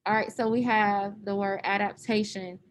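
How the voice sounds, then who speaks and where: A woman's voice: medium pitch, flat delivery, normal speed. A woman teacher leading an online class, patiently explaining step by step over a computer microphone.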